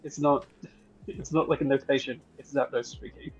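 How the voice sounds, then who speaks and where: A man's voice: medium pitch, fairly even intonation, moderate pace, slightly rough, muffled recording, faint music behind. A man chatting casually on a stream, cutting in and repeating lines. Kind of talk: casual chat.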